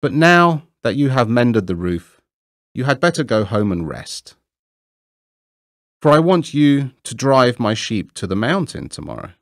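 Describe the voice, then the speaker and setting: A man's voice: medium pitch, big pitch swings, measured pace, no room sound, studio quality, pitched above the performer's own voice. A man voicing a self-righteous male miller who lectures in a raised, pompous tone. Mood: smug. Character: smug, preachy grown male miller.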